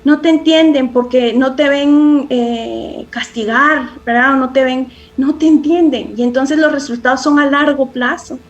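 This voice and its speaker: A woman's voice: sits high, fairly even intonation, a little slow, hardly any pauses, muffled recording. A woman speaking as a parenting expert in a podcast interview, earnest and reflective, often restarting phrases and adding tag questions.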